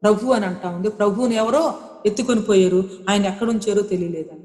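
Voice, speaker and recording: A woman's voice: medium pitch, fast, a little mellow. A woman delivers a sermon with earnest conviction, circling back to the same phrases and mixing in English words. Her voice rings through a roomy hall with a long reverb tail. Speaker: preacher.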